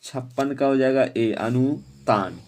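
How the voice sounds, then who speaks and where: A man teaching an exam-prep lesson, quizzing students and urging them to answer quickly. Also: medium pitch, a little mellow.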